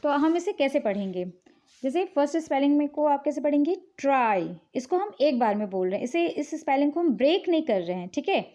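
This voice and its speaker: A woman teacher with a high, expressive, dark-toned voice talks quickly while patiently explaining English spelling rules. She mixes in English words and checks in with her listeners often. The recording sounds dull and lo-fi.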